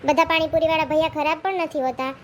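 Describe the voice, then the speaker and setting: A woman playing chatty, high-voiced village woman Kagdi. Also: steady tone, fast, slight background noise. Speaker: comic lead and narrator. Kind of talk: village comedy skit.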